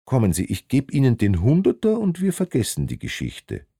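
A man's voice: mid-range voice, huge pitch swings, moderate pace, warm tone, slightly rough, no echo, studio quality, pitched above the performer's own voice, heavily acted. A man voicing a nervous father caught without a ticket, who stammers and bluffs indignantly. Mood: bluffing.

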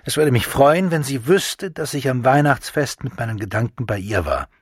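A man's voice: mid-range voice, lively intonation, normal speed, husky, no room sound, studio quality, voice pushed up. A man voicing a German army captain greeting an old friend in an audiobook, in a raised, heartfelt voice. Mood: earnest.

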